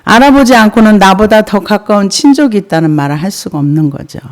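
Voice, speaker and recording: A woman pastor giving a conversational sermon, asking rhetorical questions and pausing on fillers. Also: mid-range voice, animated.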